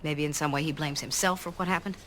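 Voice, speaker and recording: A woman's voice: low voice, fairly even intonation, quick pace, fairly bright tone, a little hiss or hum. An actress playing a blunt, dry-witted older woman, a social worker and grandmother. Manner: blunt, wry.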